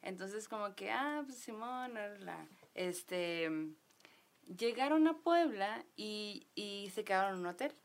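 A woman with a Mexican accent, a podcast co-host retelling a story sent in by a listener, lively and slangy with quick asides. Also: mid-range voice, vocal fry. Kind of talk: casual storytelling.

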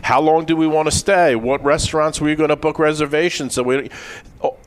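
A man's voice: on the high side, steady tone, brisk. A man co-hosting a financial radio show, talking emphatically and repeating key words for stress. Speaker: financial advisor co-host.

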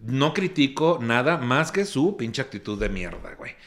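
A man's voice: medium pitch, big pitch swings, moderate pace, vocal fry, a bit bright. A man with a Mexican accent telling a comic story on a podcast, ranting and swearing freely. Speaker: podcast host.

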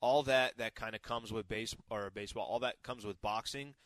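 A man's voice: on the low side, steady tone, normal speed, a bit bright, dry recording. Thirties guy co-hosting sports talk, laid back, says like a lot, dry studio mic. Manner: easygoing, hedges with "like" and "you know". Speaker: sports radio co-host.

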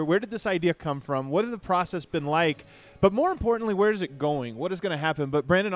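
A man hosting a casual sports podcast, with an upbeat, announcer-like way of introducing things. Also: a little high. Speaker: podcast host. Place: bar under construction.

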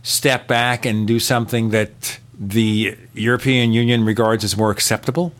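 A man's voice: fairly low pitch, little pitch movement, moderate pace. A man hosting a podcast, chatting casually and asking his guest questions. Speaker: podcast host. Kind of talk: casual interview chat.

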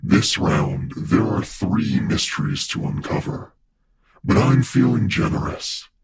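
An actor playing a spooky disembodied male captor voice who speaks in a slow, measured, ominous way. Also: deep voice, sing-song, background noise, heavily acted. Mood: menacing. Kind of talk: audio drama acting.

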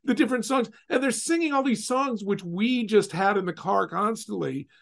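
High, gravelly-voiced man telling a story. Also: moderate pace. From California. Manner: animated, acts out quoted voices. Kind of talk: casual storytelling.

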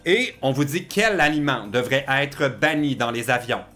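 A man with a Quebec French accent hosting a casual podcast chat, playful and quick to laugh. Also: mid-range voice, expressive, bright, forceful tone, faint music behind. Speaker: podcast host.

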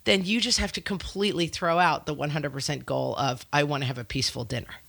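A woman's voice: low-pitched, fairly even intonation, fast talker, gravelly, fairly bright tone, husky, no echo. A woman in her forties chatting casually as a podcast co-host, her nose stuffed up with a cold and her manner wry and self-deprecating. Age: 40s. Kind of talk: casual chat.

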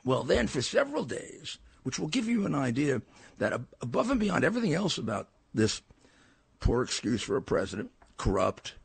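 A man's voice: mid-range voice, wildly swooping pitch, normal speed, creaky, husky. An older man hosting a political talk show, giving a blunt, combative commentary monologue with frequent stammered restarts.

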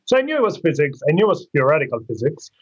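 A man's voice: fairly high pitch, very animated, racing, slightly rough, muffled recording. A man in his forties from Argentina, a physicist guest answering in casual interview talk, enthusiastic and rambling with many fillers.

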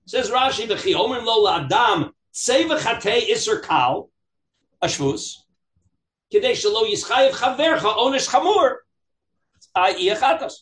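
A man teaches a Talmud class as a rabbi, reading aloud and explaining in an animated, questioning way. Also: sits high, unhurried, roomy sound. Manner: animated, questioning, acts out examples in dialogue. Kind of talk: interactive text lesson, reading aloud and explaining.

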